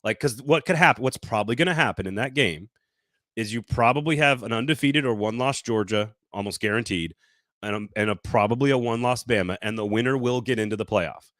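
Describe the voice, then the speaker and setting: An animated man argues his case on a sports talk show, often stopping and restarting mid-thought. His voice sits in a middle pitch, recorded close and dry. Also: no room sound. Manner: animated, talks in quick restarts. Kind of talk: casual sports debate.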